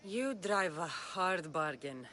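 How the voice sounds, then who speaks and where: A woman's voice: lowish voice, lively intonation, slow pace, pushed and bright, slight background noise, exaggerated voice. A woman voicing a tough, impatient female mercenary in a video game, with a curt, commanding way of talking. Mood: skeptical. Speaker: game protagonist.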